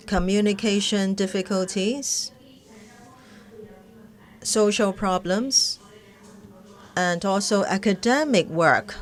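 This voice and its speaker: Woman interpreting. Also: mid-range voice. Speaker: simultaneous interpreter. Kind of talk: live interpreting of webinar speeches.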